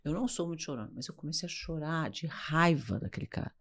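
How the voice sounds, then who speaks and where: A middle-aged Brazilian woman, a guest entrepreneur, telling animated stories in an interview and acting out what people said. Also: low voice, fast talker. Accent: Brazilian Portuguese. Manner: animated storyteller, acts out quoted dialogue. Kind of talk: storytelling in an interview.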